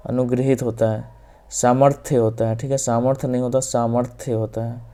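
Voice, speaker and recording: With little pitch movement, the Hindi-accented North Indian man keeps a mid-range voice and a moderate pace. He leads an exam-prep grammar lesson, taking each question in turn, repeating correct answers and often going quiet at phrase ends.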